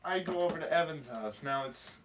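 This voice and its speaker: A man's voice: on the high side, lively intonation, fairly quick, a bit bright. A young man in a comedy sketch, mock-solemn and overdramatic. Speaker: friend at an intervention. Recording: distant mic with faint hiss.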